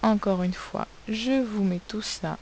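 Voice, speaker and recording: A woman's voice: medium pitch, a little slow, darkish tone, a little hiss or hum, low-quality recording. A woman teaching a recorded phonics lesson to young pupils, spelling out sounds letter by letter. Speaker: primary school teacher.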